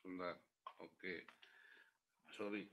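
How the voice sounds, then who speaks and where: Speaking slowly in a low voice, a man teaches during a sermon-style Q&A. He spins his stories with energy, playing the parts of the people and of God. A slight hiss or hum can be heard.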